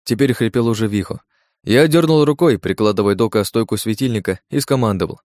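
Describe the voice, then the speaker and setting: A man's voice: lowish voice, fast talker, darkish tone, no room sound, clean studio sound. A man reading a first-person audiobook in tense, gritty scripted narration.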